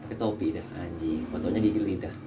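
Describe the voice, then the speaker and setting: A man's voice: sits low, fairly even intonation, quick pace, background noise. A young man with a slurred r, chatting casually and crudely as a podcast host over music. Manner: lisp that slurs the r sound; crude, swearing banter. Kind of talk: casual joking chat. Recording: music playing behind the voice.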